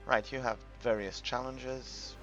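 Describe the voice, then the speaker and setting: This gamer, a man from the UK, records a casual tutorial, wandering and pausing as he works things out aloud. His mid-range voice is steady, unhurried, bright and forceful. Background music sits under a muffled, dull recording.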